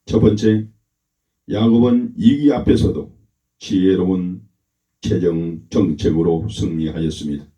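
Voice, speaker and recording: A man, a pastor, delivering a sermon in a slow, emphatic way and asking the congregation to repeat after him. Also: low-pitched, fairly even intonation, dark tone. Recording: roomy, dull lo-fi church recording.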